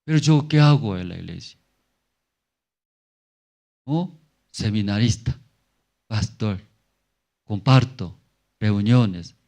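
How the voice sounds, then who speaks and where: Man, pastor, sermon, unhurried delivery, halting phrases, tag questions, loud bursts and soft murmurs. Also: creaky. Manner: swings between emphatic high bursts and low murmurs. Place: church.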